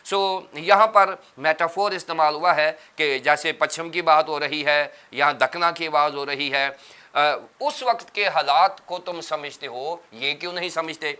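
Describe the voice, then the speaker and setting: A male pastor speaks in a somewhat high voice with a bright, forceful edge. His tone is smooth and crisp. He lays out ideas step by step like a teacher on a TV studio panel. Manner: teacherly, explaining terms step by step. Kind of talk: religious TV panel discussion.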